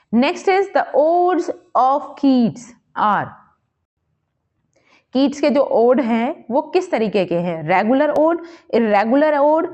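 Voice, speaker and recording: A woman teacher, running an exam quiz lesson, reading options slowly and explaining them in quick Hindi. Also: a little high, a little mellow. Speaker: English literature teacher. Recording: dull lo-fi recording.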